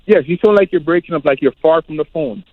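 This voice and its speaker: A man's voice: on the high side, fast talker, no room sound. Man on a bad, tinny phone connection. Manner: repeatedly asks whether he can be heard. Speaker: caller. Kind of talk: call-in question to a radio host. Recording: tinny, dry phone line.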